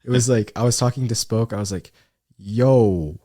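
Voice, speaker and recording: A man's voice: medium pitch, steady tone, fast, mellow, dry recording, clean studio sound. A young man hosting a podcast, laid-back and slangy, who laughs often. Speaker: podcast host. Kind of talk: casual podcast chat.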